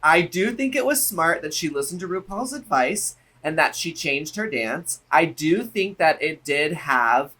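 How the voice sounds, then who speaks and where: A man with a very bright, somewhat high-pitched voice. He talks like a sassy, campy drag queen, sharing opinions in a casual co-hosted review chat. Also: lively intonation, a little slow, few pauses. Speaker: reality show review co-host.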